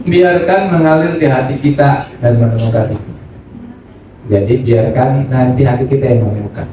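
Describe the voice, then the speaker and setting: A man giving a religious study sermon, lively and acting out examples, often asking his audience questions. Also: medium pitch, moderate pace. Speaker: Islamic preacher. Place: study gathering room. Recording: echoey room, distant mic, noisy.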